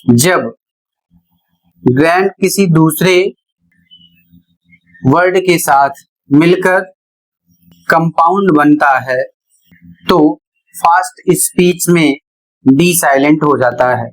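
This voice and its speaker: A man teaching English pronunciation in a slow, explanatory lesson, spelling words out letter by letter. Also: a little high, poor audio.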